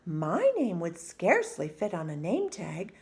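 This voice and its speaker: A woman voicing a poised, kindly music teacher in a storybook, with a measured, pointed delivery. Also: fairly low pitch, huge pitch swings, a little mellow.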